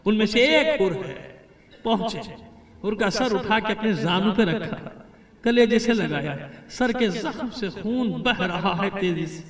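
A man preaching an impassioned sermon, telling a story dramatically and swelling into loud cries. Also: sits high, a little slow. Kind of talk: impassioned religious sermon narration. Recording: echoey hall, far from the mic.

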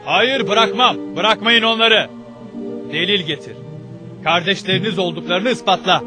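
Distrustful challenger played by a man: high-pitched, accusing, insistent historical-drama delivery with music underneath. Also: normal speed, lightly acted. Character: insistent, distrustful man demanding proof from a holy man. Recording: music behind the voice.

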